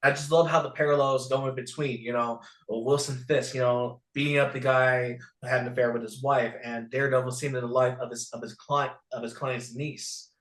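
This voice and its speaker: A man joins as guest in a casual recap chat, speaking haltingly with many restarts. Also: medium pitch, little pitch movement, a bit bright. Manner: halting, full of "you know" restarts. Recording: roomy echo.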